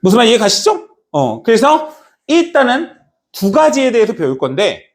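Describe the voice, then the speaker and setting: A man teaching a math class, lively and chatty, acting out little scenes and often asking if students follow. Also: extremely high pitch, moderate pace. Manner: lively, acts out little scenes and keeps checking understanding. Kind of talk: classroom lecture.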